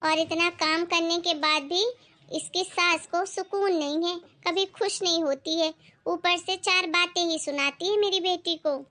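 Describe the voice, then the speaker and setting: A woman's voice: extremely high pitch, fairly even intonation, measured pace, heavily acted. A woman acting a bossy, cruel mother-in-law who scolds her daughter-in-law in a family drama. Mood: complaining. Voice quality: scolding, sharp-tongued.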